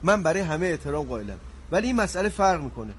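A man's voice: on the high side, very animated, slightly rough. A man in his forties playing a reluctant groom-to-be in a comedy sketch, irritable and exasperated. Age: 40s.

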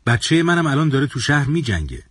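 A man's voice: mid-range voice, big pitch swings, fairly bright tone, no echo, clean studio sound, recorded from a distance, voice pushed up. A man voicing a kindly, worried middle-aged father driving his family in an audio story. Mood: anxious.

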